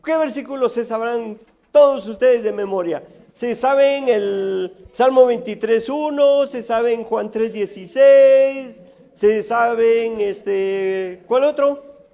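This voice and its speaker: A man giving a math lecture to students, asking the room questions and counting numbers out slowly. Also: extremely high pitch, mellow. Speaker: math teacher giving a conference talk.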